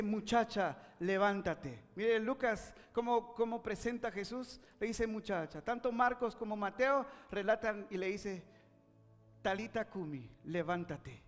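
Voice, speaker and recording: A man's voice: very high-pitched, a little slow, long reverb tail. A man preaching a sermon, retelling scripture stories with acted quotes, rising and dropping in intensity.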